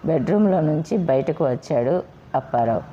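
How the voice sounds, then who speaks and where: A woman narrating a story in a steady, expressive storytelling manner. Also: deep voice, normal speed, slightly rough, dull audio.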